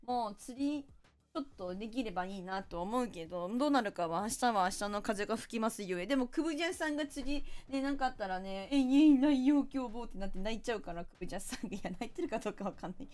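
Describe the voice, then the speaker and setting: High, lively woman streamer. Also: quick pace. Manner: chatty, thanks viewers by name. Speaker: game streamer. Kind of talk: casual stream chat with viewers.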